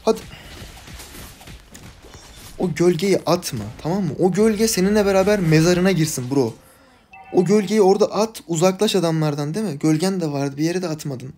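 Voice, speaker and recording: A man giving live commentary on a mobile game, recorded on a phone, scolding his teammates and swinging between low muttering and loud yelling. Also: normal speed, pauses often, faint music behind. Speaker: gaming channel host.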